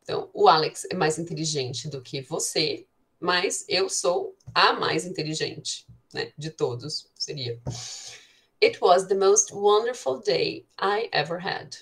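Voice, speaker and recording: A woman teacher with a Brazilian Portuguese accent explaining English grammar in an online class, reading English examples slowly and often checking in with "né". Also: fairly low pitch, lively intonation, fairly bright tone. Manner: switches between Portuguese and slow, carefully spoken English examples; frequent filler "né" checking with students.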